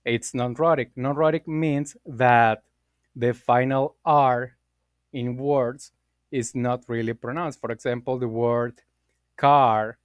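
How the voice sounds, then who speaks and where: A man talks through a class presentation at an unhurried pace. His voice is smooth and clear, recorded close and dry. He pauses often on fillers and corrects himself as he goes. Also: medium pitch, dry recording.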